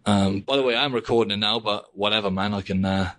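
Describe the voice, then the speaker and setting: A man's voice: lowish voice, fast talker, pushed and bright, slight background noise. A man hosting a podcast over a video call, bantering and joking, laughing often and leaning on fillers. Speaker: podcast host. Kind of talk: casual chat.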